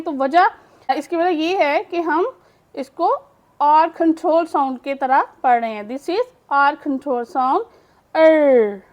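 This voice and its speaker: A woman teaching English phonics, explaining slowly in Urdu and saying each word twice. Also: sits high, dull audio. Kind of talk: slow phonics lesson.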